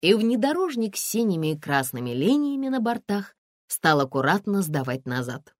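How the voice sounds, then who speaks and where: A woman narrating an audiobook novel in an expressive storytelling manner. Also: medium pitch, normal speed, dry recording, studio quality. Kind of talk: scripted narration.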